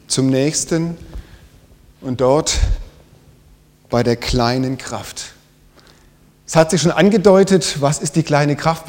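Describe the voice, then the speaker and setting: A man preaching a sermon, swinging from loud emphatic lines down to hushed whispers. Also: mid-range voice. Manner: dynamic, drops to whispers for emphasis. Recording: long hall reverb.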